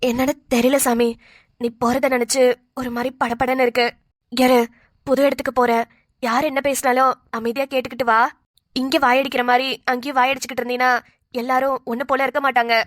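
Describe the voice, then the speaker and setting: A woman's voice: high voice, little pitch movement, no echo, studio quality, close to an everyday voice. Woman voicing a fretting granny. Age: older. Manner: chatty, fretting, quick rambling talk. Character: older village grandmother, fussy and protective. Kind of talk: cartoon voice acting.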